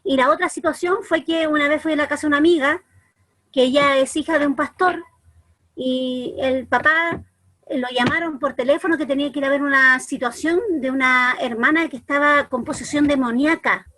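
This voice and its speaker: A woman with a Chilean accent, a church youth leader, telling a story over a group video call in an animated way, full of restarts and repeats. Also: sits high, fairly quick.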